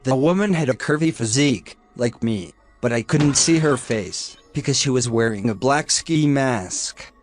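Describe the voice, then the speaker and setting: Man, horror narration, scripted, steady, soft background music. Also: mid-range voice, moderate pace, hardly any pauses. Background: faint music.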